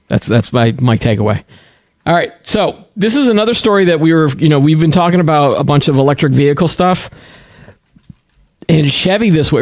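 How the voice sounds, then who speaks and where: A man's voice: medium pitch, a little mellow, no room sound. Chatty middle-aged man, dry close sound. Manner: rambling, self-correcting, chatty. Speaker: podcast co-host. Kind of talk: casual tech chat.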